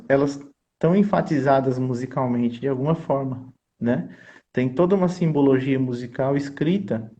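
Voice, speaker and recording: A man's voice: mid-range voice, warm tone. A man, a choir conductor and composer, explaining his craft in an earnest, teacherly way and often checking in with his listener. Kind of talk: explanatory conversation.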